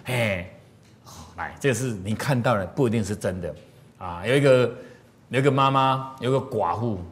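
A man's voice: mid-range voice, moderate pace. A man giving a moral lecture through stories, often asking the audience questions. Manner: animated, asks the audience questions. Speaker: moral teacher.

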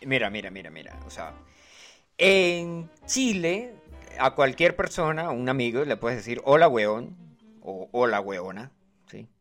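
A man talks casually on a radio show, explaining slang in a teacherly way. His voice sits in an ordinary middle pitch, and he jumps up when quoting phrases. Soft music plays faintly behind him. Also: brisk. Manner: animated, teacherly, quotes phrases in a higher voice. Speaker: radio co-host.

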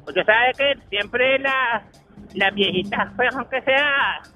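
A woman's voice: a little high, takes it slowly, bright, forceful tone, soft background music. A Honduran woman in her sixties, missing her front teeth, chatting flirtatiously and playfully as a radio caller. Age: 60s. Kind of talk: playful casual chat.

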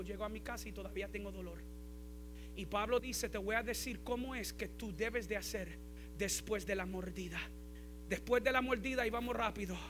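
A man's voice: sits high, background noise. A male pastor preaching a sermon, repeating key phrases and building in intensity.

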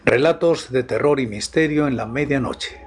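A man narrates scripted horror stories in a hushed, intimate half-voice, as if right in the listener's ear. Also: medium pitch, normal speed. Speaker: channel host and horror story narrator. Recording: music behind the voice. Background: background music.

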